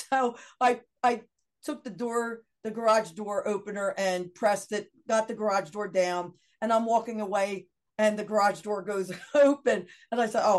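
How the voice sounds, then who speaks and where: Middle-aged woman telling a lively story. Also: mid-range voice. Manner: animated anecdote with laughs and quoted dialogue. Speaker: guest. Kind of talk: casual storytelling.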